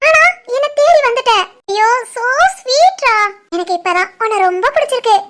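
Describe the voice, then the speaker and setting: A voice artist doing a squeaky teasing college girl. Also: lively intonation, normal speed, a bit bright. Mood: affectionate teasing. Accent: southern Tamil Nadu dialect. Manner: playful, teasing, affectionate. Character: cheerful teasing young woman, college student in love. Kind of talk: cartoon voice acting.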